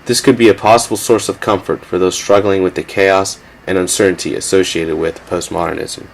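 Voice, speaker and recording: A man giving a measured, factual scripted narration for a documentary. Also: sits low, steady tone, vocal fry, a little hiss or hum.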